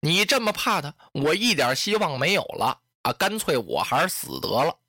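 A storyteller voicing a young beauty who pleads tearfully and then scolds, in slow, drawn-out lines. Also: mid-range voice, big pitch swings, pushed and bright, no echo, clean studio sound. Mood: reproachful. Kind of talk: traditional storytelling.

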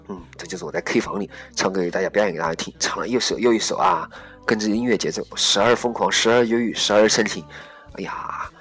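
A man's voice: fairly low pitch, fairly bright tone, husky. A man hosting a casual solo podcast, rambling along with lots of fillers and restarts. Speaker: podcast host.

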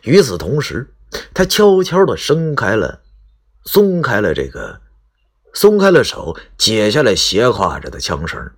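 Male storyteller, colloquial, husky low voice. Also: unhurried. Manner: colloquial, lively, swearing asides. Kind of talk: live-streamed storytelling.

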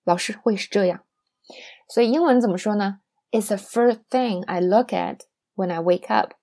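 A woman teaching English in Mandarin, explaining patiently and repeating example sentences slowly, often asking listeners to agree. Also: mid-range voice, mellow.

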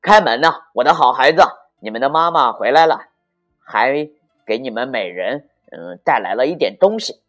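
A man voicing a sly big bad wolf in a children's story, loud and wheedling with faked sweetness. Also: medium pitch, expressive, normal speed, muffled recording, soft background music, lightly acted. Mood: coaxing.

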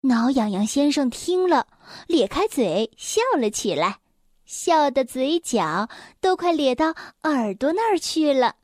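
A young woman reading a children's story aloud, gentle and expressive, speaking directly to the children. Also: high voice, measured pace, no echo, studio quality.

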